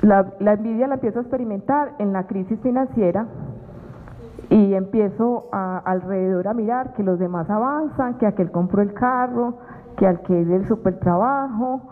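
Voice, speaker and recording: A woman giving an earnest, reflective faith testimony in a halting way, often restarting her sentences. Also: mid-range voice, soft background music. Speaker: guest sharing a faith testimony. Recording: tinny phone-like radio sound with long reverb.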